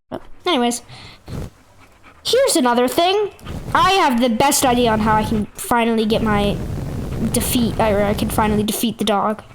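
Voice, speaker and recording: A woman giving jumpy, excitable commentary over her own gameplay, often yelling at the game. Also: on the high side, rough recording. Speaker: gaming video creator.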